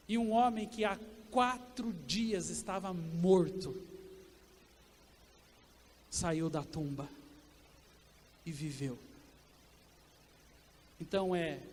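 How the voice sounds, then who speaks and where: Brazilian male pastor, very high voice, long church reverb, preaching with rhetorical questions. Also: a little hiss or hum. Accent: Brazilian Portuguese. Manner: preaching with rhetorical questions, swinging from loud to quiet. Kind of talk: sermon. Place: church sanctuary.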